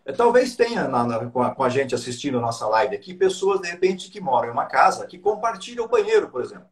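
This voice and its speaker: A man's voice: on the high side, sing-song, quick pace. A Brazilian man, a business coach guesting on a live online talk, explaining points with frequent tag questions.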